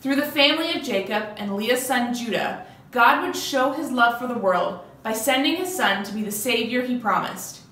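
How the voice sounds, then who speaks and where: Brief: bright, upbeat kids' ministry leader, woman, heard from a distance in a very echoey room. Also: a little high, animated, moderate pace. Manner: upbeat, coaxing call-and-response. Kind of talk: leading a kids' lesson.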